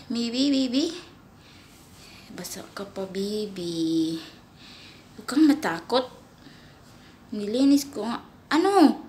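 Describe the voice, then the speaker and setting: A woman's voice: medium pitch, darkish tone, slight background noise. A woman making a casual home vlog as a nanny, coaxing a pet cat in sing-song baby talk. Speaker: nanny vlogger. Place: home indoors.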